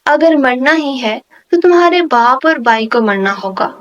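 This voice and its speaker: A woman's voice: high-pitched, animated, dull audio. A woman reading the lines of a possessive, hot-tempered young man in love, pleading and harsh by turns. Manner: pleading then harsh, obsessive.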